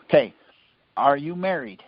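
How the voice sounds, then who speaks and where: Through muffled, lo-fi conference-call audio with no echo, a man with a fairly high, animated voice speaks at normal speed. He's the teacher of the group call, insistently coaching his listener with Socratic questions and answers.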